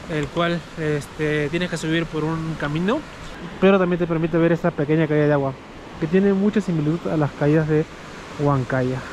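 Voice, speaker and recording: A man's voice: on the high side, a little mellow. Chatty man vlogging outdoors. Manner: chatty, loose, with many fillers like "este" and "eh". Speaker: travel vlogger. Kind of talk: casual travel vlog commentary. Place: outdoors and on the road while traveling. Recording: noisy outdoor recording.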